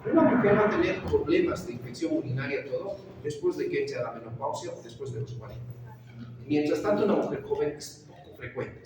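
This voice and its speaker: A woman's voice: deep voice, background noise. A woman doctor lecturing medical students, mixing clinical anecdotes into the lesson and often checking in with her listeners. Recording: echoey hall recorded from far off.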